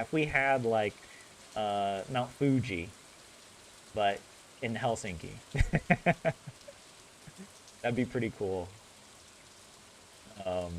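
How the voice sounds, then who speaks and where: A young gaming streamer with a general American accent chats with viewers while playing, rambling, correcting himself and laughing often. His voice sits in the mid-range, with slight background noise.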